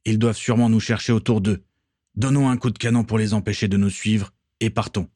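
A man voicing a calm, commanding pirate captain in a read-aloud story. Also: lowish voice, brisk, no room sound, clean studio sound, lightly acted. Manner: steady, commanding.

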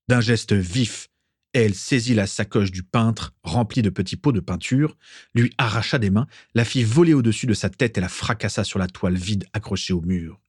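A man narrating an audiobook with expressive, dramatic storytelling. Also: on the low side, breathy edge, no echo, studio quality. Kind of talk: audiobook reading.

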